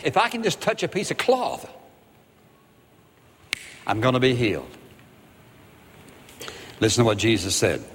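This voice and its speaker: A man's voice: medium pitch, wildly swooping pitch, a little slow, pauses often, a bit bright, big-room sound, slight background noise. A man preaching a sermon with emphatic, repeated phrases, acting out the voices of people in the Bible.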